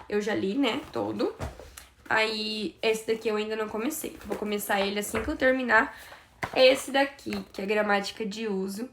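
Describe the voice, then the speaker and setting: A young woman from Brazil talks through her study notes in a casual, enthusiastic vlog. Her voice sits a little high with a gravelly, creaky edge, and she keeps the talk loose and chatty. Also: fairly bright tone, a little hiss or hum. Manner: chatty, enthusiastic, many fillers. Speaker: vlogger and English teacher.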